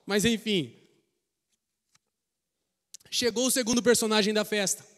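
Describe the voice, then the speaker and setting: A Brazilian man preaching with a fairly high voice, drawing his listeners into the story. He moves from quiet, confiding asides to bold, swelling emphasis. His words ring out with the long reverb of a church hall. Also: unhurried. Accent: Brazilian Portuguese. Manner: animated storytelling, swinging between soft asides and emphatic rises. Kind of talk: sermon.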